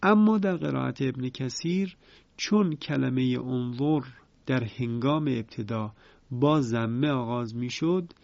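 A man teaching the rules of Quran recitation in a formal, measured way, slowly repeating each example. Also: medium pitch, creaky, darkish tone, dry recording. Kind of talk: formal spoken lesson. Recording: dry, slightly dull lo-fi sound.

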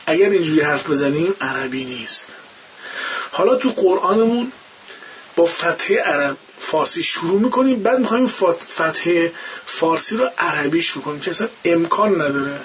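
A man's voice: high-pitched, fairly bright tone, highs cut off, a little hiss or hum. A man who teaches Quran recitation, explaining pronunciation in an interview and acting out the sounds himself. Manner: demonstrates pronunciations by imitating sounds.

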